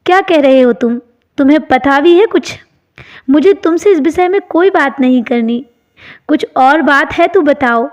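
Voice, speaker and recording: A woman's voice: high-pitched, a little slow. Woman voicing a stern, hurt young wife. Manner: firm, stern.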